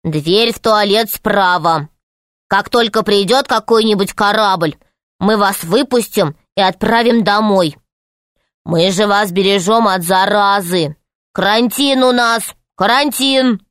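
A woman's voice: mid-range voice, slow pace, clear, resonant tone, no room sound, clean studio sound. A woman voicing a sly small male alien hotel keeper whose voice comes muffled through a closed door. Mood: falsely soothing. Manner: sly, falsely reassuring. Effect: muffled voice heard through a closed door. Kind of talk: audiobook narration.

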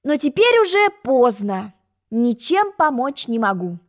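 A woman voicing a pompous, boastful egg-shaped male character in a storybook reading, haughty and quick to take offense. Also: fairly high pitch, big pitch swings, pitched above the performer's own voice. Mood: lecturing.

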